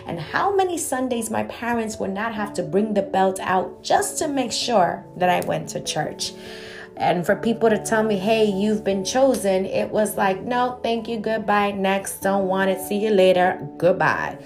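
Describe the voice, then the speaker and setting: A young woman from Guatemala hosts her own faith podcast and tells her testimony in an earnest, preacherly way. Her voice sits at an ordinary middle pitch for a woman, with faint music playing behind her. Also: creaky. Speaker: evangelist podcast host.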